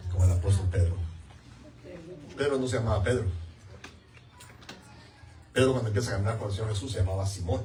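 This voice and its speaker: A man's voice: fairly low pitch, mellow, a little hiss or hum. A man preaching a sermon as pastor, emphatic and repeating key words while calling on the congregation to answer. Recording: echoey room, mic far off.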